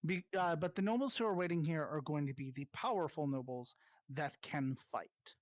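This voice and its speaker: Game master type, mid-pitched voice, close and dry sound, quick instructions with lots of restarts. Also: dry recording. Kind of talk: casual voice chat running an online roleplay.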